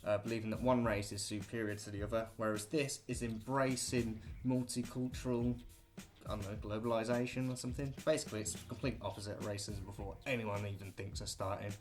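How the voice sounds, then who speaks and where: A man's voice: on the low side, steady tone, fairly quick, a little mellow, faint music behind. A young British man talking through a list of things to do at home, rambling and jokey with offhand asides. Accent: British English. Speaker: vlogger. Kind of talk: casual listicle monologue.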